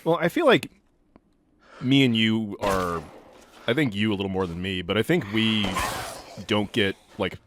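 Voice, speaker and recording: Low-voiced man in his thirties, rambling. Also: measured pace, long pauses, background noise. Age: 30s. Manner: rambling, self-interrupting, swears casually. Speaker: let's play host. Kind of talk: casual gameplay chat.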